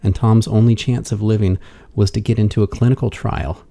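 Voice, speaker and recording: A man reading scripted documentary narration in a measured, unhurried way. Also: on the low side, steady tone, gravelly, dark tone.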